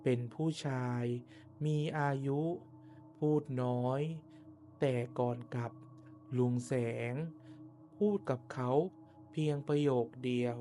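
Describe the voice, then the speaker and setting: A man tells a scripted horror tale at a slow, deliberate pace. His voice is soft and dark, set in short phrases with pauses between them. Some ambient noise sits behind the narration. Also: medium pitch, steady tone. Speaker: ghost story narrator. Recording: noticeable background noise and ambience.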